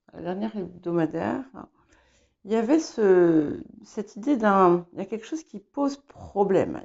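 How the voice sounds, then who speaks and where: A woman giving a spoken tarot reading, hesitant and filling pauses as she talks. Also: mid-range voice, creaky, a little mellow, highs cut off. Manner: hesitant, many fillers and restarts. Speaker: tarot reader. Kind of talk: casual spoken tarot guidance.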